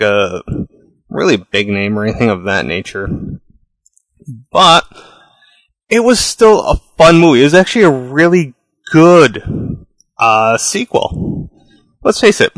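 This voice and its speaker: Slow-talking man rambling through a film review. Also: mid-range voice, a bit bright, dry recording, low-quality recording. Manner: rambling, opinionated, filler-heavy. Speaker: movie reviewer. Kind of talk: casual spoken film review.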